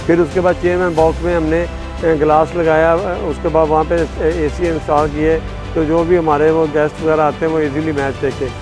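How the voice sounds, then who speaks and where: Over background music, a middle-aged Pakistani man with a higher-pitched voice is interviewed informally to camera as the stadium caretaker. He's outdoors on a cricket stadium field, recorded with a lapel mic.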